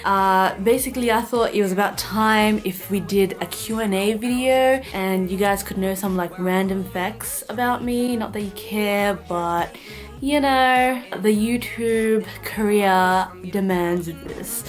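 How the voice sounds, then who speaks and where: A woman's voice: medium pitch, a little slow, soft background music. Chatty young woman vlogger. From Bangladesh. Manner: chatty and joking, lively asides. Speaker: YouTuber. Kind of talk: casual Q&A vlog.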